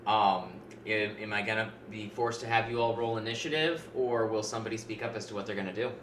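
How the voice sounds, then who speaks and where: A man's voice: lowish voice, a little fast, fairly bright tone. A man running a tabletop game as game master, narrating casually to the players. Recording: echoey room, faint noise.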